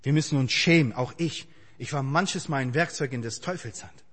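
A man's voice: mid-range voice, normal speed, a bit bright, long reverb tail. A man preaching a fervent sermon to a church congregation and addressing the people directly. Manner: fervent, speaks straight to the congregation. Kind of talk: impassioned sermon.

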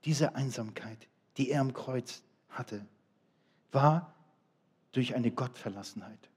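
A middle-aged man preaching a sermon, swinging between loud, emphatic appeals and quiet, low asides. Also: slow, husky.

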